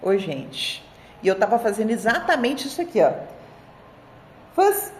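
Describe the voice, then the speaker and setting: A woman in her thirties with a Brazilian Portuguese accent, a dog trainer presenting an article in a chatty, animated storytelling way, talking straight to her viewers. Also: mid-range voice, brisk. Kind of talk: casual video presentation of an article.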